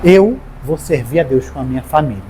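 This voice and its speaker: In a mid-range voice, a man with a Brazilian Portuguese accent delivers a sermon fairly quickly over slight background noise. He speaks with animation, calling on congregants by name.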